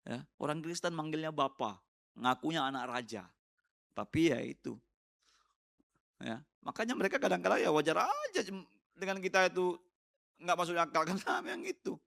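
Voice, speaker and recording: Male pastor with a bright, forceful voice, preaching to the congregation and prodding them with questions. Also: very animated, normal speed, vocal fry, long pauses. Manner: conversational, peppered with tag questions to the congregation; teasing, with bursts of laughter and high mocking exclamations. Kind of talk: sermon.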